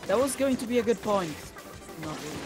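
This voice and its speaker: A man talking through his moves in a video game with friends. His voice is notably high and casual, with light game music in the background. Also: lively intonation, brisk. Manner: chatty play-by-play of his own moves. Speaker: gamer on a live stream. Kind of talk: casual gaming chat.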